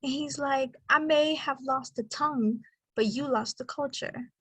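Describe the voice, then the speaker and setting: Her voice sits high, bright and pushed, delivered at a measured pace with no room sound. She's a Mexican American podcast co-host in her twenties, musing through casual conversation with plenty of fillers.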